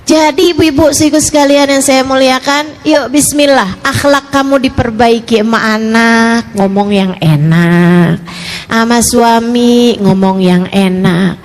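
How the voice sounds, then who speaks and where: A woman preacher giving a lively sermon to women, swinging between soft low asides and bright raised questions, and playing out quick imagined exchanges with her listeners. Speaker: female preacher.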